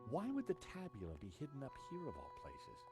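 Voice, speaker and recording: An actor playing a wry, quick-witted male adventurer who narrates his own game story with dry understatement. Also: medium pitch, wildly swooping pitch, music in the background. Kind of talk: voiced game dialogue and narration.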